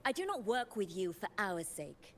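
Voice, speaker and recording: An actress voicing a stern, proud woman who leads a noble house in a game, speaking firmly and in a measured way. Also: medium pitch, sing-song, fairly bright tone, slight background noise. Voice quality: firm, measured. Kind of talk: game voice acting.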